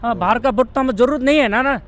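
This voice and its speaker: A man answering a street interview in a plain, halting way, often repeating himself. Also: very high-pitched, fairly bright tone.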